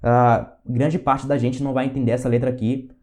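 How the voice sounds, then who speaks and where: A man's voice: mid-range voice, little pitch movement, fairly quick, mellow. A Brazilian man teaching an online Russian lesson, patient and reassuring, checking in often with his students. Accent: Brazilian Portuguese.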